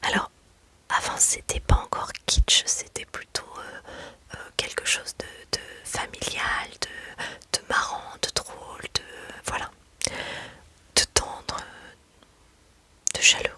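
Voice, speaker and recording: A mother who creates videos whispers softly in a relaxed ASMR chat. She sounds hesitant, pausing often and leaning on lots of fillers.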